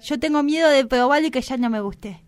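A woman's voice: high-pitched, no echo. A woman co-hosting a community radio show, joking around in casual, playful chat. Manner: playful, joking, quick asides. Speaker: radio co-host.

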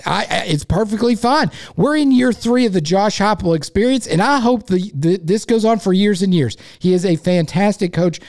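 A man's voice: high-pitched, darkish tone. A man hosting a sports podcast solo, giving casual, opinionated commentary in an informal, rambling way with emphatic repetition.

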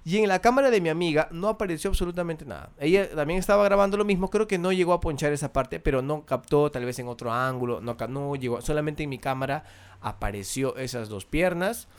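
A man, hosting a podcast and telling a story in an animated way, acting out the voices of the people in it. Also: on the high side, quick pace, smooth. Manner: animated, acts out quoted voices. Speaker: podcast host. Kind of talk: casual storytelling.

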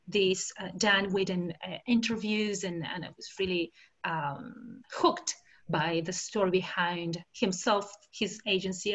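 A woman from Argentina whose first language is Spanish chats casually as a translator discussing research. Her mid-range voice is hesitant, with many fillers and restarts.

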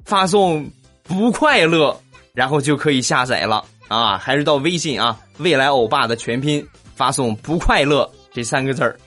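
A male podcast host with a mid-range, slightly bright voice reads listener comments on his comedic show, tossing in teasing jokes and asides and laughing often.

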